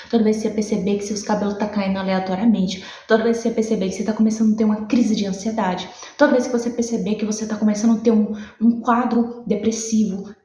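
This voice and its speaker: A woman's voice: medium pitch, warm tone, roomy sound. A woman with a Brazilian Portuguese accent preaching a sermon, emphatic and repetitive, acting out conversations.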